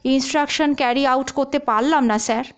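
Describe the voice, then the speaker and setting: A woman's voice: high voice, fairly even intonation, fairly quick, smooth, natural voice. A woman voicing a huge, fearsome-looking male police officer who keeps saying "sir" and hesitates with fillers. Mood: deferential.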